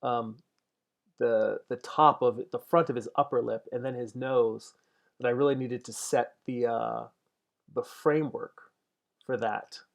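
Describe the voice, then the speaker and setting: Gravelly-voiced man in his forties. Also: medium pitch, steady tone, measured pace. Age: 40s. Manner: thinks aloud, chatty, answers viewer comments. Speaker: digital painter streaming his work. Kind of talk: casual livestream talk while painting.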